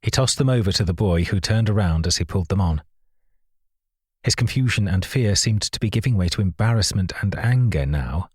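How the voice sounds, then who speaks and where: A man narrating a suspenseful novel with a low, husky voice. His read is measured and tense, recorded close and dry with no room sound. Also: lively intonation, a little mellow, no echo. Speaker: audiobook narrator. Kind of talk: first-person thriller narration.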